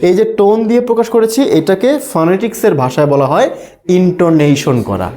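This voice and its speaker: A man's voice: high voice, big pitch swings, moderate pace, dark tone. A middle-aged man from Bangladesh, an ESL teacher lecturing a class, often asking the students questions and acting out tones of voice.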